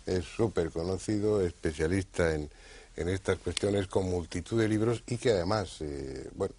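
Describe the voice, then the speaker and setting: A man from Spain hosting a studio discussion, talking in a measured, thoughtful way with frequent hesitations. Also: low-pitched, a little mellow, a little hiss or hum. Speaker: TV talk show host.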